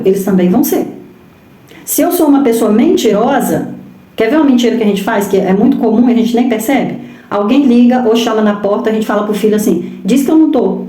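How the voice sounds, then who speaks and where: A woman's voice: on the high side, warm tone. Brazilian woman, women's ministry speaker; emphatic sermon delivery, rhetorical questions, roomy echo. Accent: Brazilian Portuguese. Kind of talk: sermon on marriage and parenting. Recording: echoey room.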